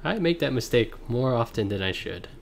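A man of ordinary middle pitch mutters his way through a card game on stream, reading cards aloud and greeting viewers between moves. The sound is plain livestream headset audio, close and direct. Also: lively intonation, fairly quick, gravelly, a little hiss or hum. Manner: thinks aloud, reads card text, chats with viewers. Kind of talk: casual gameplay commentary. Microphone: livestream headset mic.

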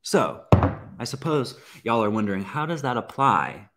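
A young man hosting a podcast, telling a personal story in a casual, animated way, with swearing and acted-out reactions. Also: mid-range voice, moderate pace, very noisy. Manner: animated, swearing, acts out his own reactions. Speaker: podcast host.

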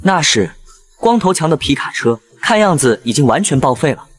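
A man's voice: on the high side, very animated, normal speed. A man voicing a suspicious logger's sidekick in a cartoon game parody, reacting with startled, disbelieving double takes. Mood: startled disbelief. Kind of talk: fan game-animation dub.

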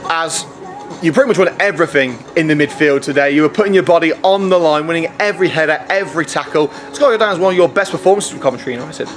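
A man's voice: on the high side, quick pace. A man hosting a club TV channel, asking upbeat post-match questions. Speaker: club TV interviewer.

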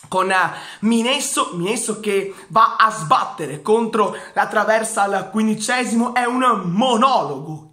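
A man in his twenties giving an excited football recap to camera in an emphatic way, repeating phrases for effect. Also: sits high. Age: 20s. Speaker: football commentator. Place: living room with bookshelves, indoors. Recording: roomy indoor echo.

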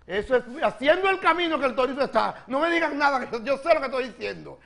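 A man's voice: extremely high pitch, sing-song, quick pace, creaky, a bit bright, heavily acted. A man playing a flamboyant, gossiping country woman from the Dominican Republic who hosts a comedy gossip segment, speaking with a Dominican accent, giggling and calling everyone "mi amor". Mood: sassy. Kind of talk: TV comedy sketch character.

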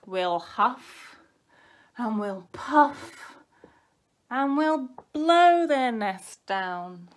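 A woman's voice: fairly high pitch, lively intonation, extremely slow. Woman voicing Little Wolf, an emphatic young boy wolf. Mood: eager, scheming. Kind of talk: storybook character voice.

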